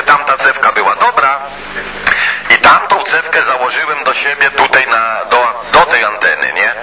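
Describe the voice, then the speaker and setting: A man with a medium-pitched, bright and forceful voice rambles informally on a two-way CB radio conversation as a hobbyist, using filler and mild curses. The transmission is noisy and has the characteristic CB radio effect.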